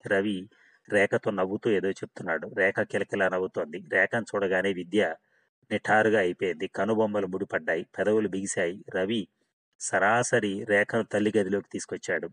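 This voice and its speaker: A man narrating a novel for an audiobook in a steady, measured reading. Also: low-pitched.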